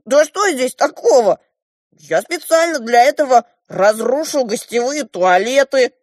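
A woman voicing a nosy, cheeky male dwarf servant in an audiobook, speaking in a pert, teasing, higher voice. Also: expressive, a little slow, no echo, studio quality.

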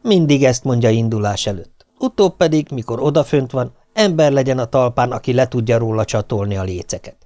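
A man's voice: mid-range voice, lively intonation, warm tone, dry recording. Wry male audiobook narrator, dry sound.

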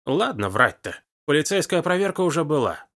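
A man voicing a sleepy young woman with a husky, sleep-roughened voice who grumbles bluntly, in an audiobook. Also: low voice, very animated, a little fast, fairly bright tone, voice pushed up, full character voice. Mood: demanding.

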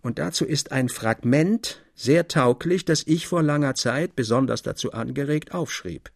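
Theodor, a gravelly, expressive writer. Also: male voice, mid-range voice, dry recording, studio quality. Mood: assured, soothing. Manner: expressive, measured, formal. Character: Theodor, genial writer introducing his own tale. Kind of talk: literary radio drama acting.

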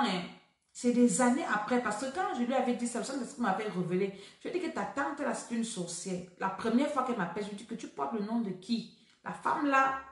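A woman's voice: on the high side, a bit bright. A woman teaching deliverance in a preaching video, exhorting and repeating herself as she speaks straight to the listener. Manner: exhorting, repetitive, addresses listener directly. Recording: very echoey room, voice far from mic.

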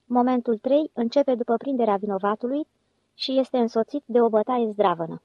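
A woman's voice: fairly high pitch, no room sound, natural voice. Ostap, a solemn mock-official con man, as a woman reads him. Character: scheming cool-headed male con man leader. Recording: dull lo-fi audiobook recording.

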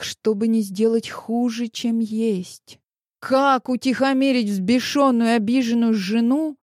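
A woman reading a novel aloud as an audiobook narrator, in a measured, even manner. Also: mid-range voice, no room sound, studio quality. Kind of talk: scripted narration.

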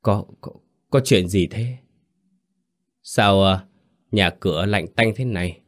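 A man's voice: low-pitched, takes it slowly. Man doing a tipsy rich old village elder. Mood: alarmed. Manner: boisterous calling, then alarmed.

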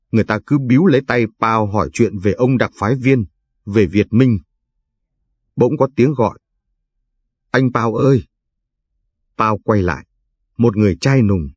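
A man narrating an audiobook in a measured storytelling manner. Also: lowish voice, a little mellow, slightly rough, no room sound.

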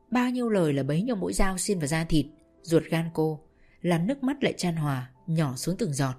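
A woman narrating a spoken story in a steady, measured way. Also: lowish voice, slightly rough. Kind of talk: audiobook storytelling.

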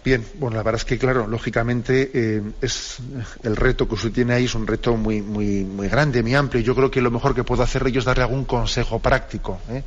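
A man's voice: medium pitch, fairly even intonation, fairly quick, hardly any pauses, slight background noise. A man, a priest, answering listeners on a live radio program, reflective and repeating phrases with little tags like "eh" and "no". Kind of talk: live call-in radio teaching. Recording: muffled lo-fi radio broadcast.

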